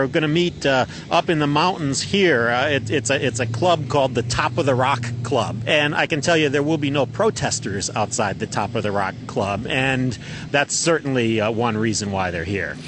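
A male news correspondent reporting live by satellite phone from outdoors, speaking haltingly with many fillers and repeated words. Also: medium pitch, background noise. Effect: satellite phone line. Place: outdoors on an air base tarmac.

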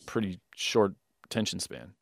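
Man with a disguised, altered deep voice. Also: expressive, normal speed, gravelly, dry recording, clean studio sound. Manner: blunt, candid, matter-of-fact. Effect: electronically altered, disguised deep voice. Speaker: anonymous pro football player, interview guest. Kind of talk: interview answers.

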